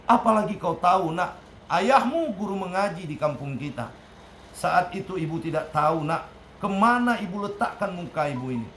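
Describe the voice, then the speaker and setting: A man playing an elderly mother who pleads and cries out to God in a high voice, recorded in an echoey room. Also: expressive, moderate pace, a bit bright, a little hiss or hum. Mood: bitter. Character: elderly mother, grieving then forgiving.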